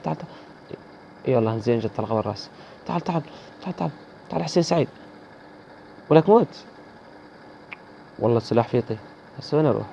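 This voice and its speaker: A man's voice: mid-range voice, vocal fry, warm tone, muffled recording, slight background noise. A man with an Iraqi accent commenting live on his gameplay, teasing opponents and chatting to viewers. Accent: Iraqi Arabic. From Iraq. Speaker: gaming video host.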